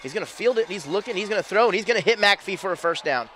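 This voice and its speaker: Excitable play-by-play man, high-pitched and fast, calling a school game from the booth. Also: some chatter behind, slight background noise. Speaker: play-by-play announcer. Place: press box above a stadium.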